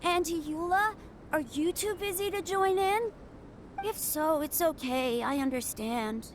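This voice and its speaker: A sweet, timid little boy, voiced by a woman, polite and gentle. His voice is high and his words come slowly, with faint background noise.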